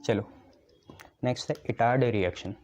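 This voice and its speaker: Mellow-voiced male chemistry teacher, lo-fi. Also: medium pitch, moderate pace. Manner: explains step by step, often checks "ठीक है"; asks and answers his own questions. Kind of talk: classroom lecture with memory tricks. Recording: dull lo-fi recording.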